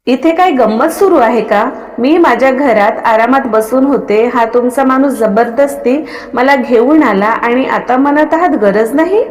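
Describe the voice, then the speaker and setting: Indignant woman doctor, read by a woman: scolding, fairly high voice, echoey. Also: moderate pace, few pauses, close to an everyday voice. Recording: long reverb on the voice.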